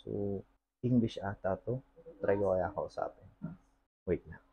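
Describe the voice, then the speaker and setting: A man's voice: fairly low pitch, measured pace, breathy edge, dull audio. A man from the Philippines who runs a computer shop, chatting casually in a vlog, easygoing and laughing often, a little out of breath. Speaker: computer shop owner and vlogger.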